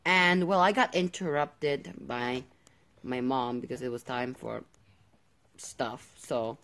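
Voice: mid-range voice, slow pace, fairly bright tone. A gaming video host giving casual commentary while playing, often repeating words and phrases.

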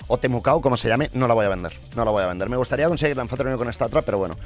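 A young Spanish man with a Spanish accent streams games, racing through excited commentary in a mid-range voice. He keeps bursting into loud cheers and shouts, and his voice is going hoarse as he loses it. Music plays in the background.

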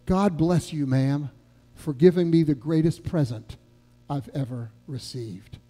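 A man voicing a humble, ragged old man who speaks softly and tenderly, told in a sermon story. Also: on the high side, a little slow, voice pushed down. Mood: gentle, tender. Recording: long church reverb.

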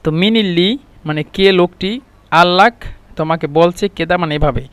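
A man with a fairly high voice teaches a language lesson, repeating each phrase slowly and patiently before he explains it. The sound is dry and close, with no room echo at all. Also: fairly bright tone, clear, resonant tone.

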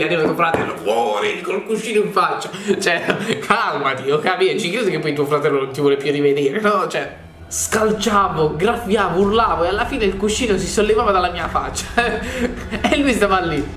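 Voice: mid-range voice, fairly bright tone, echoey room, a little hiss or hum. A YouTuber reading horror chats who makes joking, laughing asides to the viewers. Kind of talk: joking commentary on a chat story.

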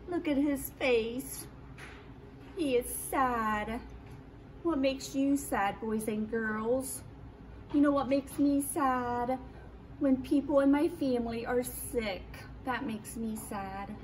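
A middle-aged woman reading a storybook aloud to young children like a kids show host, expressive, with exaggerated emphasis and questions for the listeners. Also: high-pitched, slow, slight background noise, poor audio. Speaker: preschool teacher reading to children. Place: small classroom with painted block walls. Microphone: camera a few feet away.

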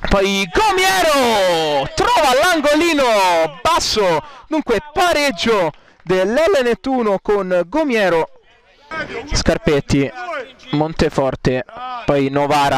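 A male sports commentator calls futsal highlights in a very high-pitched voice. His delivery is excitable and swings very widely in pitch, stretching out words for goals, while the overall pace stays unhurried. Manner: excitable, rising to drawn-out shouts on goals.

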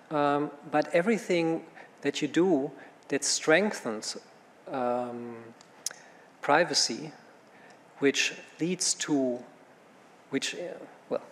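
A man answering questions on a conference panel, thinking aloud with many fillers and restarts. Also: a little high. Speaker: panel speaker. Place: conference room. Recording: hall reverb with faint room noise.

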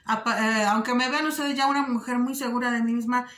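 A woman's voice: on the high side, steady tone, a little fast, a bit bright, reverberant. Earnest woman talking to camera. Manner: earnest, addresses viewers directly, frequent "este" fillers. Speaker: vlogger giving advice. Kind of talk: casual direct-to-camera talk.

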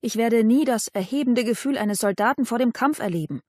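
A woman's voice: on the high side, fairly quick, a little mellow, dry recording, clean studio sound, lightly acted. A woman voicing a frustrated young boy squire who longs to fight, speaking in a pleading, indignant way.

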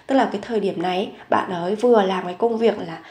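A woman teaching a grammar lesson, explaining example sentences slowly and carefully and reading model sentences aloud more quickly. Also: medium pitch, darkish tone, echoey room. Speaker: Korean language teacher.

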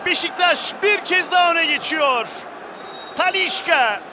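High-pitched, shouting football commentator, man. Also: measured pace. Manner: shouts player names and goal calls. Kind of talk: excited live football match commentary. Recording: loud stadium crowd, noisy broadcast audio. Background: roaring football crowd.

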